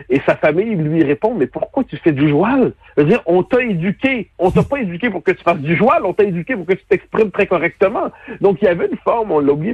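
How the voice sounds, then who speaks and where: A man's voice: on the high side, breathy edge, dry recording. A man with a Québécois French accent, interviewed as a guest commentator, arguing emphatically with frequent stammered restarts, heard over a muffled phone line. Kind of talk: argumentative interview talk. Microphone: telephone.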